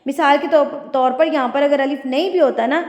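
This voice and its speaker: Her voice sits high with a darkish tone, and the audio sounds dull and echoes with long reverb. Teaching Quran recitation rules, she goes through each point patiently before reciting in a slow, drawn-out way.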